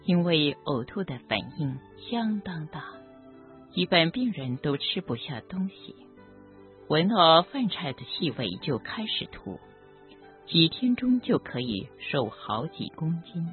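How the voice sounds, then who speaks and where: Slow, lively-pitched doctor narrating on a tinny line. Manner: gentle, measured, moved by the story. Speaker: doctor treating cancer patients. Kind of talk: slow reflective storytelling narration. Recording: tinny phone-like audio with faint background music.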